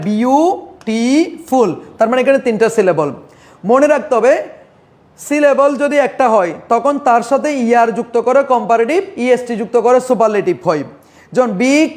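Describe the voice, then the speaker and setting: Bangladeshi male tutor, young, very high voice, drilling grammar rules by repeating them and quizzing the class, stretching out example words. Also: a little mellow. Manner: repeats key points and asks questions then answers them himself. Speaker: English teacher. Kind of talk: live online grammar lesson.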